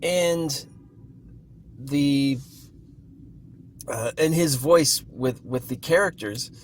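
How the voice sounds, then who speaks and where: A man's voice: mid-range voice, drawn-out words, slight background noise. A man giving a casual spoken book review, rambling and hesitant with many restarts, easygoing and amused.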